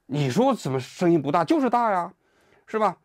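A man's voice: high voice, a little fast, no echo, studio quality. A man hosting his own political commentary show, talking casually and asking many rhetorical questions. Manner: animated, full of rhetorical questions.

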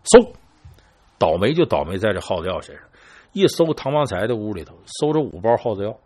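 A man telling an old crime story in a chatty, lively way, talking straight to his listeners and acting out the quoted lines. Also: lowish voice, a little fast. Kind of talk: casual spoken storytelling.

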